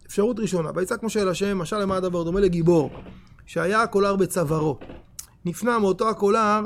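A man, a rabbi, giving a Torah lesson to a live audience in an animated, emphatic way, often putting questions straight to his listeners. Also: high-pitched, a little hiss or hum. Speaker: rabbi teaching a class.

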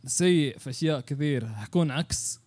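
A man's voice: a little high, a little fast, a little mellow. A Saudi man chatting casually and thinking aloud, dropping English words and phrases into his Arabic. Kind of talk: casual, musing chat.

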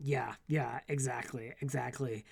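A woman's voice: very deep voice, fairly even intonation, a little slow, creaky, husky, no echo, studio quality. A woman co-hosting a casual movie podcast, chatty and sharing behind-the-scenes trivia with plenty of fillers. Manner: chatty, shares trivia with many fillers and restarts. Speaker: podcast co-host.

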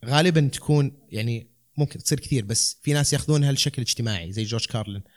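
A young man with a Saudi accent talks at a very rapid clip in a loose, conversational way. He rambles through his explanations, slipping English words into his Arabic, at a middling pitch. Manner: rambling, mixes in English terms. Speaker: stand-up comedian, guest.

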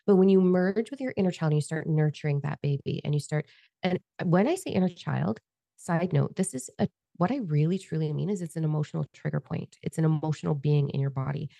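A woman hosting a casual podcast chat, talking in an enthusiastic, nurturing way with quick asides. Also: sits low, vocal fry, mellow, dry recording. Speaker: podcast host and coach.

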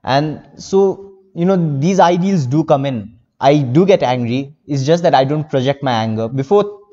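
A man's voice: fairly high pitch, expressive, moderate pace, mellow, long reverb tail, muffled recording. A teenage boy from India speaking earnestly as an interview guest, rambling with many fillers. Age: teens. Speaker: interview guest, young novelist. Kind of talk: casual interview.

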